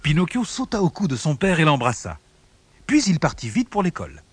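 Male storybook narrator: expressive and animated, over music. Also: fairly high pitch, fairly quick. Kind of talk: storybook read-aloud.

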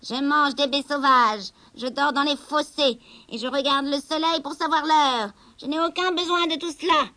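A woman voicing a sly, mocking old witch selling cloth in a storybook, speaking slowly. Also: high-pitched, fairly even intonation, bright, forceful tone, voice pushed up. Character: cackling sly old female witch peddler.

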